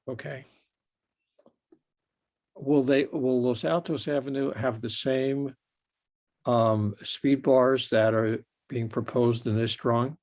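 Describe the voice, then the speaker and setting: A man's voice: mid-range voice, fairly even intonation, slow, long pauses, darkish tone, dry recording. A man commissioner asking brief, plain questions at a public meeting.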